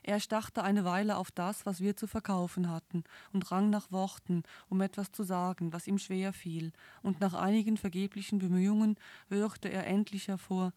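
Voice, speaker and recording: A woman reading a novel aloud in the first person with steady, earnest storytelling. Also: medium pitch, normal speed, few pauses, no room sound. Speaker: audiobook narrator.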